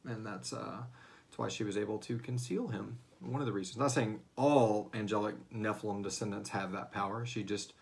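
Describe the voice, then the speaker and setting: His voice sits on the low side, creaky and steady in tone, moving at a moderate pace. As host of a serial drama fan Q&A, he chats casually on an unscripted livestream, wandering off topic with hesitant wording and profane, slangy comments.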